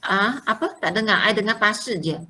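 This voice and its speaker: A woman teaching a Mandarin lesson, drilling pronunciation and repeating words slowly and clearly for her students. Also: mid-range voice, expressive, pushed and bright, slight background noise, rough recording.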